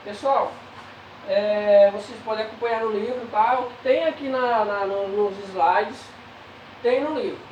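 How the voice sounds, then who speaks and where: A Brazilian woman teaching a grade-school class, pausing with drawn-out fillers between phrases. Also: mid-range voice, darkish tone, recorded from a distance, a little hiss or hum. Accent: Brazilian Portuguese. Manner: slow, hesitant, many drawn-out fillers. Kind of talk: recorded remote lesson. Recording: echoey room, voice off-mic.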